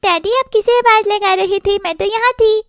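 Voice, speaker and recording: A woman's voice: very high-pitched, fairly even intonation, normal speed, a bit bright, dry recording, studio quality, pitched above the performer's own voice. A woman voicing an innocent little girl in an audio drama, childlike and sing-song. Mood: puzzled.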